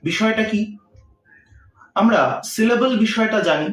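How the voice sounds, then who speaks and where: A man teaching a literature lesson, explaining in short, measured phrases and mixing in English terms. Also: high voice. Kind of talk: literature lecture. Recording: roomy echo, mic set far off.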